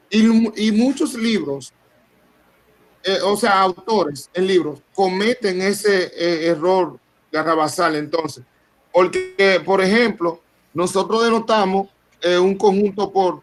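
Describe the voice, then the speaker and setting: A male graduate student asking his professor earnest, hesitant questions in an online class. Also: sits high. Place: video call meeting.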